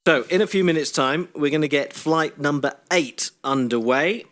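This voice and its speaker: A man commentating live on a sailing race, steady and informative, with frequent "uh" fillers. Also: a little high, moderate pace.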